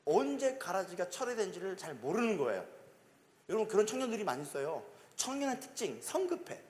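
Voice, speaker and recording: A man's voice: high-pitched, sing-song, brisk, a little mellow. A man preaching a sermon in a church, emphatic and repetitive, calling for amens from the congregation. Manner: emphatic, call-and-response, repeats phrases. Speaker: pastor. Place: church sanctuary. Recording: long reverb of a church hall.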